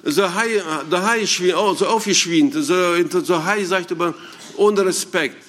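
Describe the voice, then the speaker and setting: A man giving an informal talk to parents, halting and searching for words as he asks the audience questions. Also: sits high, fairly bright tone. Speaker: speaker addressing parents.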